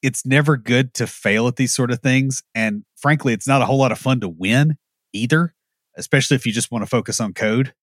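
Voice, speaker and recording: With a medium-pitched voice and a slightly quick pace, this man co-hosts a podcast, chatting casually and offering wry, blunt takes and stories. The audio is clean studio sound without echo.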